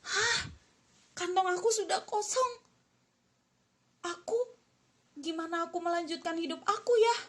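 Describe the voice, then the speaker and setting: A woman voicing a remorseful runaway young son in a Sunday school story, with a high, tearful, pleading voice. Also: lively intonation, a little slow.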